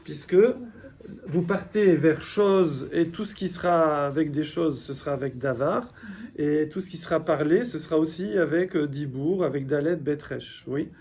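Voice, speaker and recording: Mellow-voiced man teaching a class. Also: on the high side, moderate pace, slight background noise. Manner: patient, explains step by step and quizzes the class. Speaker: Hebrew teacher. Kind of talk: classroom lesson.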